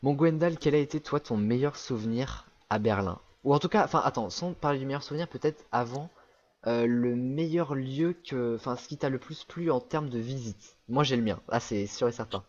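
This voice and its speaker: A man's voice: medium pitch, moderate pace, darkish tone, highs cut off. A young French man rambling through a casual travel anecdote, full of fillers and restarts. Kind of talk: casual storytelling chat.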